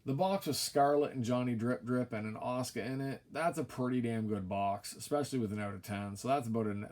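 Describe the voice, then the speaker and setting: A man's voice: lowish voice, darkish tone. A tired man casually commentating a trading card break at night, droning and mumbling with wry, rambling asides. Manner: wry, rambling, self-deprecating. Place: home room at night.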